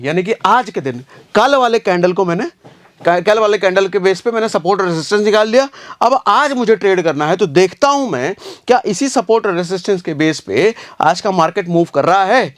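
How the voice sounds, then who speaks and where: Casual male trading tutor, high-pitched, dry close recording, chatty and repetitive. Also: no echo. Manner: casual, addresses viewers as bhaiya, repeats phrases.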